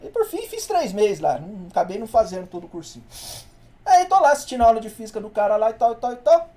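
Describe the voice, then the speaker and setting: A man's voice: high-pitched, fast talker. A male university professor telling a classroom story in casual, slangy speech, acting out what people said. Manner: slangy, animated storytelling with acted-out quotes. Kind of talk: casual anecdote told in class.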